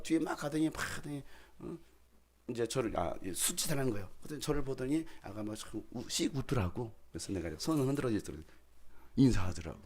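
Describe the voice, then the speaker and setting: Middle-aged male pastor, husky, animated sermon delivery with acted-out anecdotes. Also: a little high. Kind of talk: sermon with storytelling.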